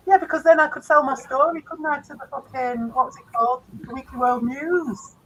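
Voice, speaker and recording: A woman's voice: high voice, fairly even intonation, fairly quick, a bit bright, poor audio. A woman co-hosting a late-night stream, chatting casually while watching videos, rambling and swearing with lots of tag questions. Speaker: stream co-host.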